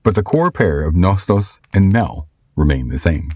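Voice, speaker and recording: A man reading scripted story narration in a measured, storytelling way. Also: low-pitched, lively intonation, warm tone, slightly rough, no room sound.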